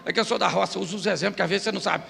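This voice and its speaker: Gravelly high-voiced Brazilian preacher man. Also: very fast, long reverb tail, soft background music. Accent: Brazilian Portuguese. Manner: comic, shouting bursts, acts out voices. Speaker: pastor. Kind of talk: humorous Pentecostal sermon. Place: church hall.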